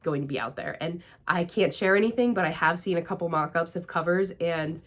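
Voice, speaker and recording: Her voice sits on the low side and she talks a little fast, with an American accent, as she chats and gushes through a casual recap of her year on her own show, using many fillers. The speaker, a podcast host and priestess, comes from Greece and the United States.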